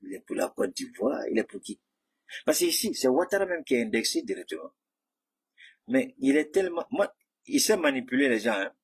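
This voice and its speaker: Husky man ranting with mocking scorn. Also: mid-range voice, big pitch swings, fairly quick. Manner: mocking, combative, addresses rivals directly. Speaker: political commentator. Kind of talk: heated monologue commentary.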